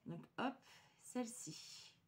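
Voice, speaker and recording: A woman hosting a craft channel, chatting casually through an unboxing with many hesitations and dropping to quiet muttering as she handles items. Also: slow pace.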